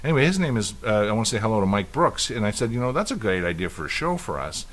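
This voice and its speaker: A man in his fifties co-hosts a casual podcast chat, telling long, rambling stories full of restarts. His voice is lowish, sing-song and fairly bright, and he talks fast.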